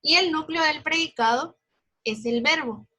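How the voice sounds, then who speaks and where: A woman teacher with a husky voice, explaining grammar directly to her students. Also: high voice, unhurried, sharp tone. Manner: instructive, addresses the students directly. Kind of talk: class explanation.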